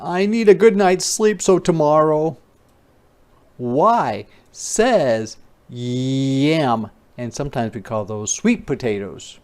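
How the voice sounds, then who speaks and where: In a phonics lesson for young children, a teacher reads aloud at a slow pace in a medium-pitched voice. Words and letter sounds are enunciated with exaggerated care, and playful, expressive asides pop up along the way.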